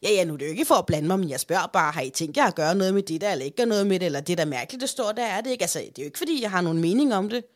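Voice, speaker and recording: A woman's voice: expressive, few pauses, lightly acted. Woman doing a fussy, meddling grandmother. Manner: nagging, fussing, rising shrill questions.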